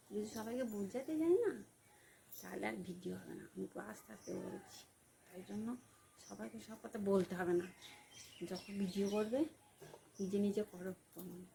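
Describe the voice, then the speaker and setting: A woman's voice: medium pitch, normal speed, creaky, long pauses, warm tone, a little hiss or hum. A young woman vlogging in a casual, coaxing way, often asking her viewers tag questions.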